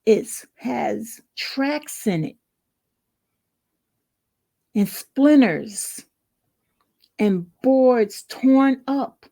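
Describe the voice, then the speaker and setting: A woman's voice: on the high side, vocal fry, mellow, full character voice. A woman reciting as a weary, determined mother. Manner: slow, earnest, partly whispered recital. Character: weary, determined mother urging her son on. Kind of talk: dramatic poetry reading.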